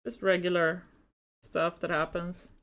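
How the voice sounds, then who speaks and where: A woman's voice: fairly low pitch, little pitch movement, a little slow, fairly bright tone. A woman co-hosting a podcast in casual chat, making dry, playful jokes. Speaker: podcast co-host.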